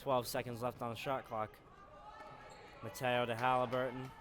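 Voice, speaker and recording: A man calling live college basketball play-by-play from an arena skybox, breaking into shouts on big plays. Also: mid-range voice, flat delivery, normal speed. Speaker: play-by-play commentator. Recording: noisy arena broadcast.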